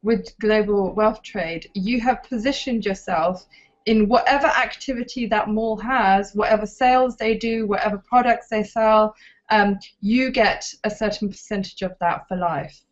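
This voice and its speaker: A woman's voice: medium pitch, moderate pace. A woman hosting an interview, asking questions and affirming the guest with short interjections. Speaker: interviewer host. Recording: dull lo-fi audio.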